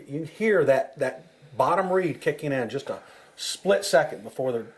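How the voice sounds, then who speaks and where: A man's voice: on the high side, expressive, normal speed, a little hiss or hum. A man working as an instructor, explaining technique informally, step by step and with examples. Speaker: duck-calling instructor.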